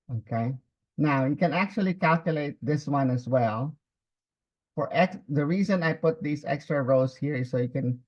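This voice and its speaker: A man instructing in a step-by-step spreadsheet tutorial, dictating formulas piece by piece and checking in with learners. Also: medium pitch. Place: screen-recorded lesson at a computer. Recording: slightly dull, muffled audio.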